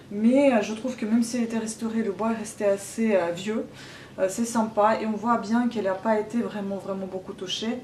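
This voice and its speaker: A woman's voice: mid-range voice, a little mellow, slight background noise. A woman, chatting hesitantly to camera as a vlogger showing her gifts. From Ukraine. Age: 30s. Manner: chatty, hesitant, many pauses. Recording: roomy, distant from the mic.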